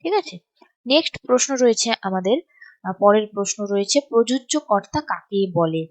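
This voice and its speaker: A woman's voice: medium pitch, lively intonation, fairly quick. A woman teacher from West Bengal going through exam questions step by step and often checking that her students follow. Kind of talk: exam-prep lesson.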